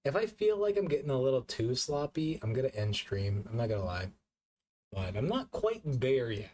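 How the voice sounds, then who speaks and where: A man on a live stream who has had a few drinks, talking loosely and circling back over his own words. His voice sits at an ordinary middle pitch. A faint hum of noise runs under him. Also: very animated, normal speed, warm tone. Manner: loose, rambling, repeats himself. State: drunk. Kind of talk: casual live-stream chat.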